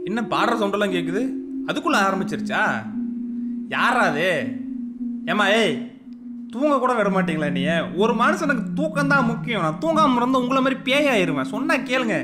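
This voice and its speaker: A gaming channel host with a very high-pitched, very animated voice and a fairly quick pace plays through a horror game in a let's-play. He panics and scolds the game's ghosts out loud as he goes, with game music playing behind him.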